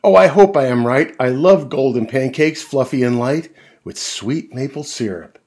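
A man voicing a cheerful, excitable cat in a tall hat, reading in a bouncy, rhyming sing-song. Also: mid-range voice, moderate pace, slightly rough. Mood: excited.

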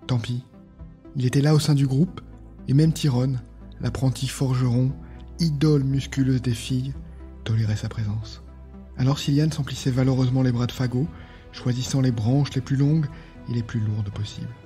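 A male podcast host reading a fantasy novel aloud in a calm, measured narration. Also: medium pitch, faint music behind.

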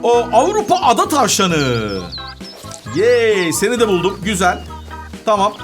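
A woman's voice: medium pitch, very animated, a little fast. Bubbly lady playing a kids game, voice swings all over, bit of music behind. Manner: chatty and playful, sings little tunes and giggles. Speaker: kids' gaming channel host. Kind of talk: playful game commentary for children.

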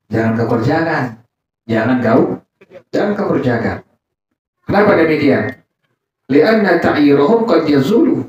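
A man's voice: on the high side, lively intonation, a little slow, pauses often, darkish tone. A male Islamic teacher giving a religious study sermon in casual colloquial speech, mixing in Arabic quotations and quizzing his congregation call-and-response style. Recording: echoey distant dull recording.

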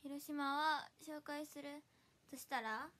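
A woman's voice: sits high, fairly even intonation, slow, a bit bright. A young woman from Hiroshima with a Hiroshima accent, chatting casually with viewers on a livestream, giggly and bubbly with frequent laughter. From Hiroshima, Japan. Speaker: idol livestreamer. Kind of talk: casual livestream chat reading viewer comments.

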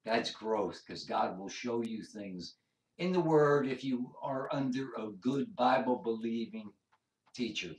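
A male evangelist delivers an informal Bible-teaching sermon in the earnest, emphatic manner of a TV preacher. His mid-pitched voice comes from some way off the microphone, in a room with plenty of echo. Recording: echoey room, distant microphone.

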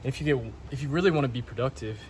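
A man's voice: mid-range voice, rapid-fire, a little hiss or hum. A young man with a goofy, teasing manner, talking viewers through exercises. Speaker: workout vlogger. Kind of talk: joking workout demo. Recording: music playing underneath. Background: background music.

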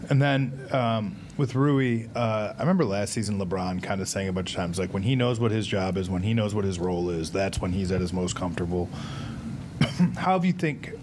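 Guy reporter asking a long rambly question, lowish voice, room noise clear behind. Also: brisk. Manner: hesitant, loose phrasing with fillers. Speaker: sports reporter. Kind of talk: press conference question.

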